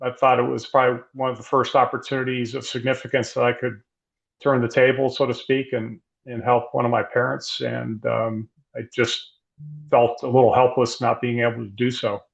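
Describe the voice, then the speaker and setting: A middle-aged man, a guest physician, speaking in a measured, thoughtful way with frequent restarts. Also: medium pitch, level tone, gravelly, rough recording. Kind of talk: reflective interview conversation.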